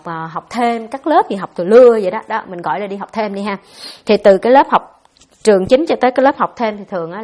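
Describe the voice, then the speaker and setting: Fast, blunt nun. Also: female voice, medium pitch. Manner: blunt, scolding, fast-talking. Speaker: Buddhist nun answering questions. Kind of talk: dharma talk Q&A.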